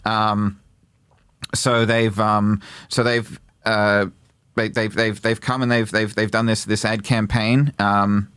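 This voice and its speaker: A man co-hosting a podcast in casual chat, halting with many fillers and restarts. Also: fairly low pitch, level tone, a bit bright, clear, resonant tone, no room sound. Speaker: podcast co-host.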